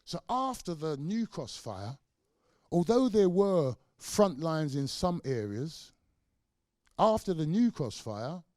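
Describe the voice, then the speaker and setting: Middle-aged guy giving a lecture, storytelling style, warm lowish tone, kinda highish pitch for a man, dry sound. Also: takes it slowly, dry recording. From England. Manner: animated, acts out quoted voices in a raised pitch; conversational, with casual fillers. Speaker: guest lecturer.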